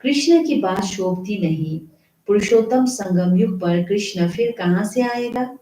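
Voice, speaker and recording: Slow, mellow woman preaching in an echoey room. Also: mid-range voice, animated. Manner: slow, explanatory preaching with rhetorical questions. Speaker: spiritual teacher. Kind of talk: devotional murli reading with commentary.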